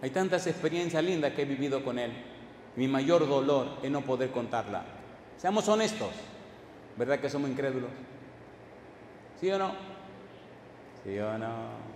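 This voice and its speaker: A male pastor preaching a sermon, peppering the congregation with repeated call-and-response questions and building to loud declarations. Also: mid-range voice, expressive, a little slow, pauses often. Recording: echoey hall with faint background noise.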